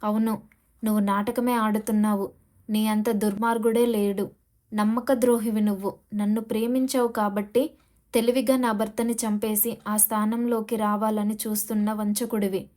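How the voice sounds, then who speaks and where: Female narrator doing a frantic young wife in an audiobook, shrill and emotional, warm mellow tone. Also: level tone, normal speed, close to an everyday voice. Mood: furious. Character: young wife, desperate and furious.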